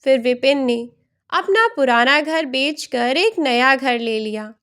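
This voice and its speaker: A woman narrating a family moral story in a steady, plain storytelling manner. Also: high voice.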